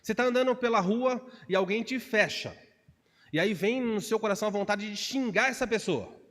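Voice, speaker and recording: Brazilian pastor preaching in a reverberant church. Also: male voice, high voice, a little fast. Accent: Brazilian Portuguese. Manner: animated, acts out quotes with shifts of voice. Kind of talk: expository sermon. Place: church sanctuary. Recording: long reverb of a church hall.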